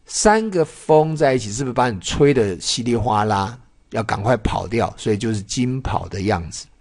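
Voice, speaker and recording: A man teaching a children's Chinese lesson, drawing out syllables slowly when modelling pronunciation and mixing in English words. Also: medium pitch, expressive, darkish tone. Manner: switches between Mandarin and English words.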